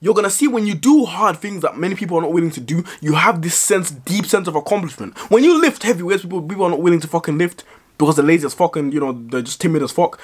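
A young man speaks straight to his viewers in a vlog. His voice sits a little higher than most men's. He is blunt and emphatic, swears freely, and keeps checking in with "right?" and "you know what I'm saying?". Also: expressive, fast, breathy edge. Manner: blunt, profane, emphatic, with frequent "right?" tags. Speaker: vlogger. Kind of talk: direct-to-camera advice vlog.

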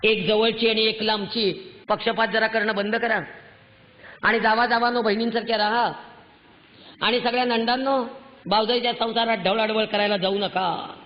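A woman's voice: fairly high pitch, steady tone, normal speed. A woman giving an impassioned, scolding lecture to a crowd of women, firing off rhetorical questions. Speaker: public speaker addressing women. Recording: muffled sound with long hall reverb.

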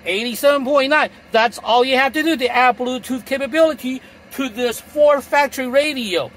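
In this product demo, a middle-aged man explains a gadget from a parked car in a salesy, repetitive way. He talks at a moderate pace in an extremely high, somewhat bright voice.

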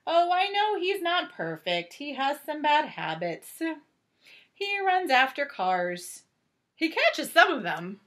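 Sitting indoors in a small home bedroom, a middle-aged teacher reads a picture book to children in a high-pitched voice. She's expressive and takes her time, drawing out words to emphasize them.

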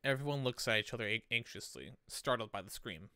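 Speaking fast and forcefully with a bright, mid-range voice, this male streamer gives dramatic readings of a visual novel's narration and lines. Game music plays in his indoor streaming room, and there's a slight hiss or hum on the audio.

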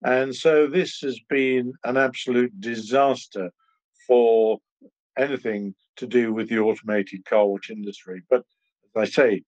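An older British man on a video call, speaking as a panelist in a measured way, with many pauses and fillers. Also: mid-range voice, steady tone, darkish tone. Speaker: trade association chairman, panelist. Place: home study, indoors. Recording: muffled video-call audio.

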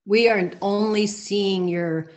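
A woman moderating a video call, breaking in politely with unhurried comments. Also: mid-range voice, steady tone, a little mellow. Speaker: event moderator. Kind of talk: casual chat.

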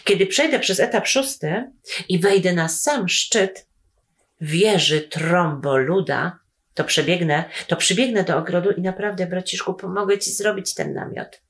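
A woman's voice: lowish voice, measured pace. A woman voicing Tadek, a boy brother caught up in a computer game who makes offhand, distracted promises.

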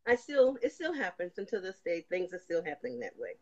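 With a lowish, sing-song, brisk and somewhat mellow voice, an older woman shares her faith testimony as a guest. She recounts her story, playing out old conversations, on slightly dull lo-fi audio.

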